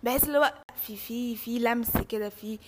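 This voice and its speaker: Young Egyptian-accented woman, quick casual talker with a slightly high pitch. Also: crowd noise. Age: young adult. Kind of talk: casual animated group chat.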